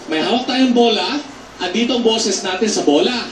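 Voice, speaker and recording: A man, a theater actor, patiently teaching voice and breathing exercises on a TV show, breaking into loud demonstration shouts. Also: high-pitched, expressive, normal speed, slight background noise. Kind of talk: instructive voice lesson on a TV show. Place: TV studio with a live audience. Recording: echoey studio, mic some distance off.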